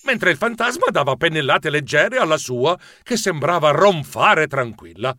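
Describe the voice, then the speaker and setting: A man's voice: on the high side, animated, normal speed, bright, forceful tone, no echo, clean studio sound. A man narrating a children's story in a playful, theatrical way. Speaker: audiobook narrator.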